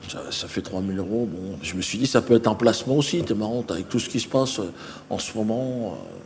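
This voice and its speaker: A man's voice: on the low side, very animated, brisk, darkish tone, big-room sound, slight background noise. A man doing stand-up storytelling, rambling and conversational with lots of hesitations. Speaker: comedian.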